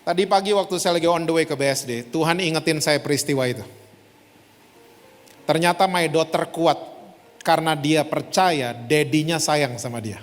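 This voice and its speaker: High-voiced man preaching in a reverberant hall. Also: normal speed. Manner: animated, conversational preaching with asides to the congregation. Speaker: pastor. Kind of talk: sermon. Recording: long reverb of a large hall.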